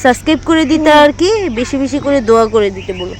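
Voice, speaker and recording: Chatty high-voiced woman vlogger. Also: animated, very fast. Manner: chatty, addresses viewers as friends, gently coaxing. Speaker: vlogger and mother. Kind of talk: casual family vlog narration to viewers. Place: outdoors on a village walk.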